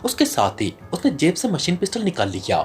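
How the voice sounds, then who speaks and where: An audiobook narrator reads a spy thriller in a steady storytelling voice. The pitch rises and falls strongly across phrases. Soft music runs faintly underneath. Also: a little fast. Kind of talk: scripted narration of a spy novel.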